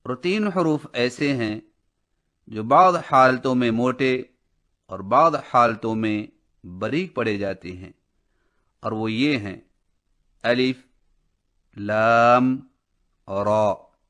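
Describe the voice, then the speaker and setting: Slow, smooth-voiced man teaching recitation. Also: mid-range voice, a bit bright. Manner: measured, chanting letters with long held vowels. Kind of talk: tajweed lesson with slow drawn-out recitation.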